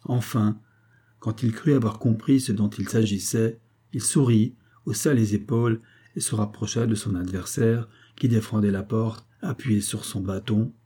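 A man narrating a classic tale as an audiobook, in a measured storytelling manner. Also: fairly low pitch, fairly even intonation, mellow, slightly rough.

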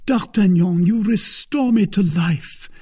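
A man's voice: fairly high pitch, very animated, measured pace, warm tone, breathy edge, voice pushed up, full character voice. A man voicing a melancholy, lovesick young musketeer in a storybook reading, pleading and eager. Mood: anxious.

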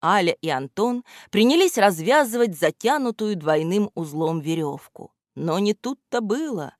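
A woman reading a children's storybook aloud with expressive narration. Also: mid-range voice, unhurried, no room sound, studio quality.

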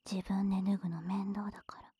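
A woman acts out a drowsy, indulgent older sister in a whispered role-play of intimate pillow talk. Her voice is extremely breathy and soft-edged, with a mellow, dark tone. She sounds lazy and unhurried, very close and dry on the mic. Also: medium pitch, little pitch movement, no room sound. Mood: languid, indulgent. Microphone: close microphone, dry sound.

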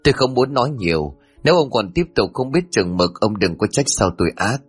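A man's voice: on the low side, animated, brisk, slightly rough, soft background music. A man voicing a stern first wife who speaks coldly and evenly. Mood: cold warning.

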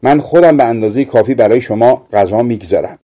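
A man's voice: mid-range voice, mellow, natural voice. A man reading aloud, voicing a caring old grandmother who gives earnest advice.

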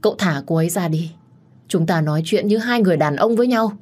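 A woman's voice: lowish voice, fast, a little mellow, natural voice. Woman voicing a stammering, pleading husband. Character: frightened young husband pleading for his wife.

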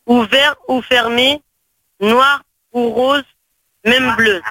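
Portuguese guy, high bright voice, reads super slow and keeps tripping over the words. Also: steady tone, no echo, rough recording. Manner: stumbling, halting reading aloud. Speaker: studio guest reading a riddle.

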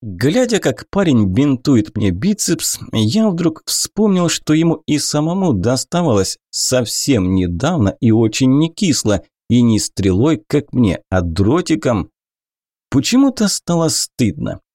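Guy narrating a fantasy audiobook, really lively up-and-down voice, dry close mic. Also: mid-range voice, measured pace, dry recording. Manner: expressive, acts out the hero's panic. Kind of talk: first-person audiobook narration.

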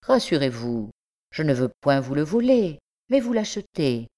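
Brief: woman reading as a polished, insistent young gentleman, low-pitched and slow. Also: big pitch swings, heavily acted. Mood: suave. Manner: courteous, then urgent and driven. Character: young nobleman scholar, ambitious and insistent.

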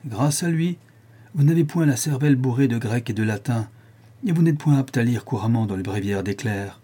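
A man's voice: mid-range voice, lively intonation, moderate pace, warm tone, husky. A man voicing a proud, domineering count of seventy-three who speaks in a solemn, dry and harsh tone. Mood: indignant.

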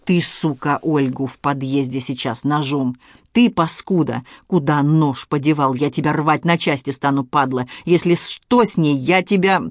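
A man's voice: a little high, normal speed, dry recording, clean studio sound, natural voice. A man doing a furious, desperate cop. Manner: shouting, swearing, desperate. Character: enraged male police officer, frantic and threatening.

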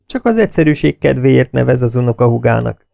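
A man voicing a young woman in an audiobook, raising his pitch for her lines. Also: expressive, vocal fry, darkish tone, dry recording. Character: young woman, anxious but cooperative.

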